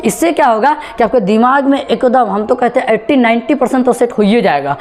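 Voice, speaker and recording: A woman's voice: a little high, animated, a little fast, darkish tone. A woman teaching a spoken English class. She drills words for the class to repeat and keeps reassuring them with "okay". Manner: repetitive drilling, asks the class to repeat after her. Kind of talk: classroom lesson.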